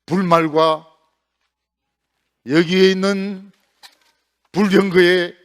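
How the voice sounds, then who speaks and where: A male pastor preaching a sermon as a dramatic story, even mimicking the sound of hoofbeats. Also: sits high, slow pace, clean tone.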